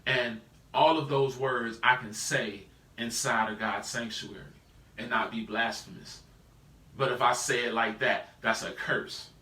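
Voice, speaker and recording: A man teaching a live Bible study uses a mid-range voice and a slightly slow pace. He's from the U.S., casual and slangy, animated, sprinkling "right?" throughout for his listeners. Echo fills the room, and he's recorded from a distance.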